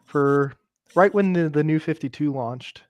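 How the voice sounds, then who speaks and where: A man's voice: a little high, a little slow, no echo. A young adult man, a guest on a casual live chat, talking in an easygoing, reflective way with plenty of fillers.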